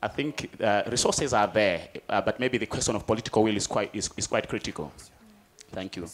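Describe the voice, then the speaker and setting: A man from Malawi giving a measured, earnest comment to a panel. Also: on the low side. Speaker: audience participant.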